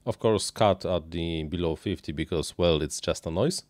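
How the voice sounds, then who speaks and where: An RC hobby streamer in his thirties, with a nasal, low-pitched, darkish voice, builds a model plane while chatting live without a script. He hesitates a lot, with uhs, restarts, and non-native phrasing. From his small indoor workshop desk, a close boom-arm dynamic mic and headphones give a recording with no echo.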